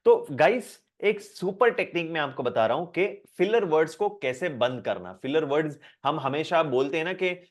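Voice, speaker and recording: A man teaching a live online class, talking in a lively way, repeating his points and asking the class questions. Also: a little high, normal speed, hardly any pauses.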